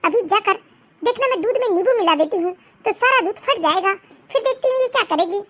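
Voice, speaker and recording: A woman's voice: very high voice, expressive, brisk, fairly bright tone. A woman voicing a jealous, scheming young sister-in-law in a cartoon, sneering and spiteful. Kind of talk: Hindi cartoon voice acting.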